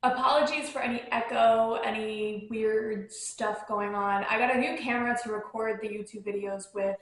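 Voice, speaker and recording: A woman's voice: on the high side, fairly even intonation, normal speed, a bit bright. A young woman hosting a podcast, chatting in a rambling way full of filler words, recorded at home on a phone. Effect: recorded on a phone, echoey. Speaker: podcast host. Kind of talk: casual travel chat. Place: at home near her dogs.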